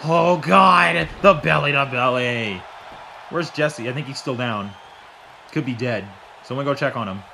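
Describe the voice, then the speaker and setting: A man doing excitable solo play-by-play of a wrestling match, swearing and breaking into shouts. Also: medium pitch, moderate pace, a faint crowd, a little hiss or hum. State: out of breath. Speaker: wrestling commentator.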